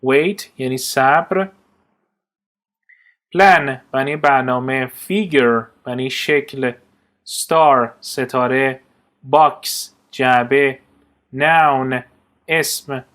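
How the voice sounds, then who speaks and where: A man's voice: medium pitch, long pauses, a bit bright. A man with a Persian accent teaching English vocabulary, reading each word and then giving its meaning.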